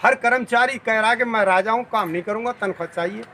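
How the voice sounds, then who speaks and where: A man's voice: high-pitched, quick pace, pushed and bright, slight background noise. An older man, complaining insistently in a street interview with rhetorical questions.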